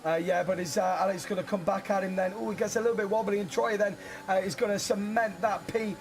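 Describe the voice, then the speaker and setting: A man giving live racing commentary as a motorsport commentator, in a conversational, halting way. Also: high voice, fairly even intonation.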